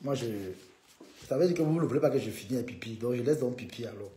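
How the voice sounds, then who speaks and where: Guy ranting on his live, mellow voice, bounces all over, echoey room. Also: mid-range voice, expressive, quick pace. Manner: combative, needling, addresses viewers directly. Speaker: live-stream host. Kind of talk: live-stream rant to viewers.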